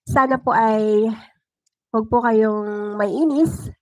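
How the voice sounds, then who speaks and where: She's a storyteller and livestream host with a Filipino accent, her fairly high voice moving at a slow pace through dramatic first-person tales and casual exchanges with viewers. The recording is dry.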